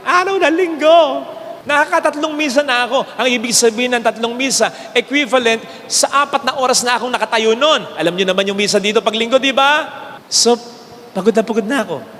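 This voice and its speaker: A man with a Filipino accent giving a homily as a priest, telling a story with lively swings between raised exclaims and low, hushed lines. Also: brisk, slight background noise. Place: large church. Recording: long church reverb with faint ambience.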